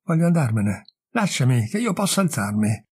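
Desperate young wife in an audiobook, pleading, high and strained, man doing her voice, bit husky. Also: big pitch swings, moderate pace, a little mellow. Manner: pleading, insistent. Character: young distraught woman leaving her husband. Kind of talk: audiobook reading.

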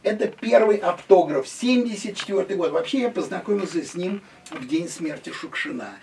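A man's voice: high-pitched, moderate pace, gravelly, distant mic, slight background noise. A man in his sixties from Russia, chatting as he shows visitors around his small home museum, pointing at one picture after another. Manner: lively, chatty, gesturing at photos. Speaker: private museum owner and guide. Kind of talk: casual guided tour. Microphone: handheld camera following him.

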